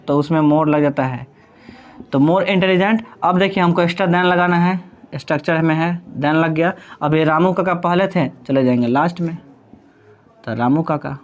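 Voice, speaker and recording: A man teaches an English grammar lesson in Hindi, with a voice that sits somewhat high for a man. He is patient and repeats each point, asking the class again and again whether they follow. He dictates examples slowly, word by word. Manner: addresses students fondly as "Babu".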